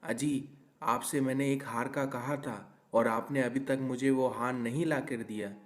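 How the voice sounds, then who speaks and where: A man voicing a quick-tempered young newlywed wife in a cartoon story, indignant and complaining. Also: mid-range voice, fairly even intonation, natural voice. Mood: angry.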